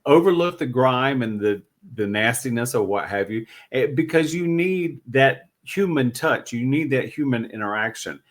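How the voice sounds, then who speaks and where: Mature man, interviewer, swinging lively pitch, mid register, reflective and halting phrasing. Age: middle-aged or older. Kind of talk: casual interview talk.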